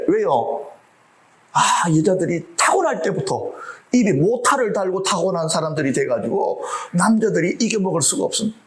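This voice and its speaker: A middle-aged man preaching a sermon as pastor, humorous and full of rhetorical questions. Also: high-pitched.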